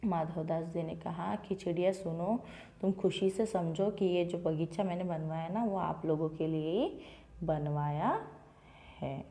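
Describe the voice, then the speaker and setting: Mellow-voiced woman teacher explaining a lesson. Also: on the low side. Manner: reads each line, then repeats and explains it in simple words. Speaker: school teacher. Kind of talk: reading a Hindi textbook lesson aloud and explaining it to children.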